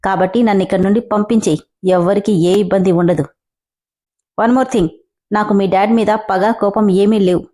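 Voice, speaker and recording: A woman voicing a defiant, sharp-tongued young female employee who speaks in a cheeky, mocking, drawn-out way, in a storybook reading. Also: mid-range voice, steady tone, natural voice.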